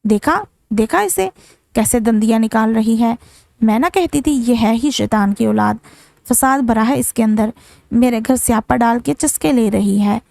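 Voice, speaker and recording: A woman's voice: normal speed, creaky, a little mellow, no room sound, clean studio sound. A woman voicing a bitter, scolding old mother-in-law who rants shrilly. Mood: shrieking. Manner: shrill, ranting.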